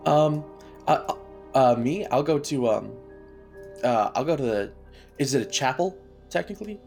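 A man playing a tabletop game, talking casually and haltingly with fillers. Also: mid-range voice, expressive, gravelly, darkish tone, faint music behind. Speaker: player.

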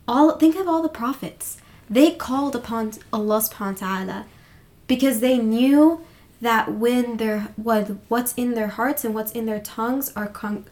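A woman's voice: fairly high pitch, darkish tone. A woman co-hosting a casual faith discussion podcast, heartfelt and encouraging, repeating phrases for emphasis. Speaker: podcast co-host.

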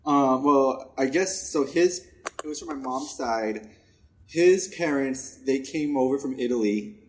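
A young man co-hosting a podcast in casual chat, relaxed, laughing easily and stammering a little. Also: mid-range voice, a little slow, slight background noise. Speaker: podcast co-host.

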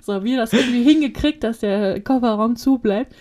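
A woman's voice: on the high side, moderate pace, a little mellow, a little hiss or hum. A young woman co-hosting a casual podcast chat, telling a story animatedly and acting out quotes. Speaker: podcast co-host.

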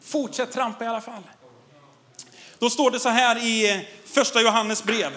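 A man in his thirties, a pastor giving a sermon before a congregation, telling a personal story in an animated way and often laughing. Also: extremely high pitch.

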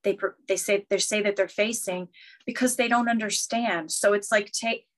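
A woman co-hosting a podcast who talks in an earnest, reflective way. Her voice is mid-pitched and ordinary, and she pauses with soft fillers as she gathers her thoughts. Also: steady tone. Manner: earnest, warm-hearted, reflective. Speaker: podcast co-host.

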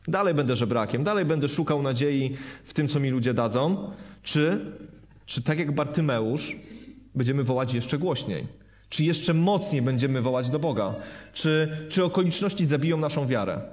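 A man's voice: medium pitch, darkish tone. A man preaching a sermon, earnest, repeating phrases for emphasis and putting rhetorical questions to his listeners.

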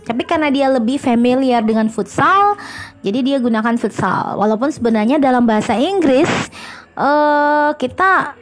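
A woman teacher talks through her students' recordings on a podcast, patient and explanatory. Her voice sits somewhat high, and she often pauses on hesitant fillers as she explains. Faint music plays quietly behind her. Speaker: English teacher and podcast host.

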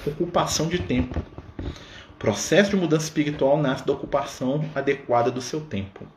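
Quick-talking man teaching. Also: a little high, darkish tone. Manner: conversational, keeps checking in with "né?" and "tá?". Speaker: spiritist study leader. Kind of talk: informal religious teaching on a livestream. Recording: echoey room with faint background noise.

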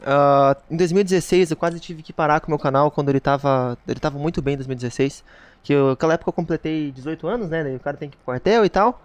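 A young man in his twenties, a guest on a casual podcast, telling stories in a quick, animated way. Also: a little high, clear, resonant tone, no echo. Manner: lively storyteller, quick and animated. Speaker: guest YouTuber.

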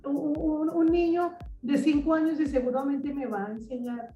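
A woman's voice: sits high, fairly even intonation, moderate pace, dark tone, echoey room, distant mic, dull audio, faint music behind. A woman in her fifties from Colombia, a guest author speaking eagerly in a radio interview, often repeating words as she searches for them. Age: 50s.

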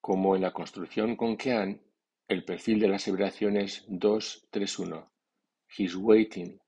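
Guy teaching english, super slow careful drills, kinda husky. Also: on the low side, steady tone, a little mellow. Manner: measured, repeating English example sentences and explaining in Spanish. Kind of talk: slow, deliberate language drill.

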